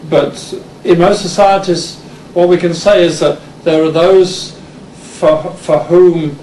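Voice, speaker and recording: A man in his fifties from Denmark with an English accent, giving a lecture in a halting manner with frequent restarts. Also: on the high side, steady tone, darkish tone. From Denmark, born in England. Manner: halting, many restarts and fillers. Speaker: university lecturer giving a talk. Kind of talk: conference lecture. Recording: roomy, distant, noisy hall recording.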